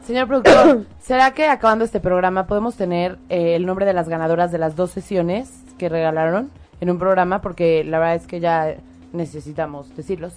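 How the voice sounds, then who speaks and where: Mexican woman co-host, joking around, talks super fast. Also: on the low side, a little mellow, faint music behind. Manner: quick, playful, teasing. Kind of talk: joking chat-show banter.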